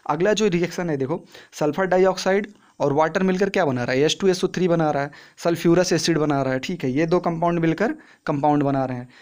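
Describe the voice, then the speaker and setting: Young guy teaching science, kinda high voice, keeps asking the class stuff then answering it himself. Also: a little fast, a little mellow. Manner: chatty, asks and answers own questions. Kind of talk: casual classroom explanation.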